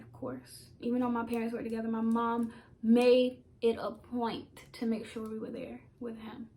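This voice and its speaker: A woman in her twenties with a fairly high voice, talking to camera as a vlogger. She tells a personal story in a loose, casual way. Her delivery is heartfelt and emotional. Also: a little mellow, slight background noise.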